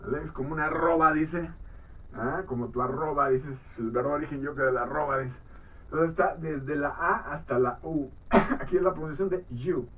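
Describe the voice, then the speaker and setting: A man teaching English vowel sounds in a halting classroom manner, often clearing his throat and checking in with his students. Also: on the high side, a bit bright. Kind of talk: classroom-style lesson explaining vowel sounds. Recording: tinny phone-like sound from far off the mic.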